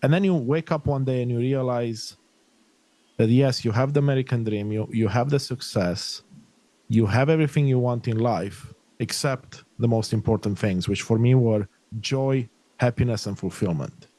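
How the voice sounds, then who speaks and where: Warm and mid-range, the voice of this middle-aged Romanian podcast guest moves at a normal speed, with no room sound. A life coach, he answers in a conversational interview with earnest reflection and long, flowing sentences.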